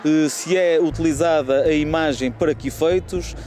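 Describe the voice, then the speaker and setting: A man's voice: a little high, moderate pace, darkish tone, slight background noise. A man with a European Portuguese accent giving interview answers as a police representative.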